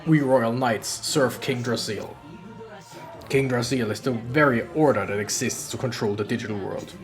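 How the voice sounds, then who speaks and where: A streamer voicing Omnimon, a grave armored knight guardian, in a forced, strained deep voice with a formal, measured way of explaining. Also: over music, close to an everyday voice. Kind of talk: game dialogue read aloud.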